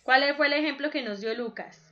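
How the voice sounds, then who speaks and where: A woman teacher giving an online grammar lesson for children, explaining slowly and patiently over a video call. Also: sits high, highs cut off.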